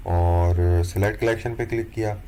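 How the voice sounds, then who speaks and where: A young man walks through a lesson in a low, fairly monotone voice. His tone is mellow and unhurried, and he keeps checking that the viewer is following. A faint hiss sits under the recording. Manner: relaxed, step-by-step, keeps checking in with "theek hai". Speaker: course instructor. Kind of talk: screen-recorded tutorial walkthrough.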